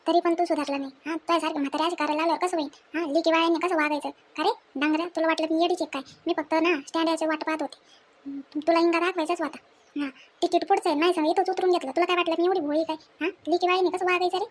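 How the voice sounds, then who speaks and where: A woman playing a fierce village woman. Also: very high-pitched. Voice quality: scolding, teasing, rapid rural speech. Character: feisty village woman, sharp-tongued, fearless.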